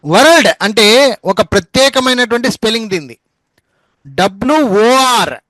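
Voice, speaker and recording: High-voiced man teaching spellings. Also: expressive, a bit bright, no room sound, rough recording. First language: Telugu. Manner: spells words out letter by letter, repeats words slowly. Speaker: English teacher. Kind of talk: spoken English lesson.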